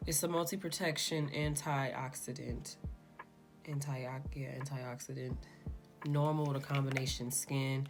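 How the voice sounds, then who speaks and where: Casual beauty vlogger, woman, low voice, flat rambling delivery, music underneath. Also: unhurried. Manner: rambling, filler-heavy, self-described monotone. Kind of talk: casual makeup tutorial talk-through. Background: background music.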